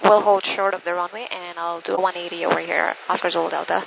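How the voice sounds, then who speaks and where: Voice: medium pitch, level tone, quick pace, gravelly, a bit bright, a little hiss or hum, poor audio. A student pilot speaking into a cockpit headset, reading back tower instructions in clipped aviation phraseology from a small plane. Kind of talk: radio calls to the tower.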